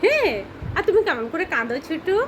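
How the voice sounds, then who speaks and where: A woman's voice: very high-pitched, very animated, quick pace. A young mother filming her toddler on a phone at home, speaking in coaxing, playful baby talk and repeating her pleas. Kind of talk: casual home video with a toddler. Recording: noisy home video with traffic hum.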